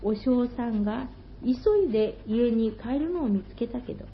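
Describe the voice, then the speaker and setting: A woman telling an old folktale slowly and gently, in old-fashioned storytelling phrasing. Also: fairly high pitch, animated, slight background noise. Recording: dull lo-fi recording.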